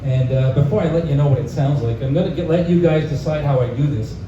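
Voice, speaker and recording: Working a pub crowd live, a young Canadian stand-up speaks quickly in a voice on the high side, loose and filler-heavy with "uh," chuckling along with his jokes. A far-off mic captures him in an echoey bar, so the audio is dull and noisy.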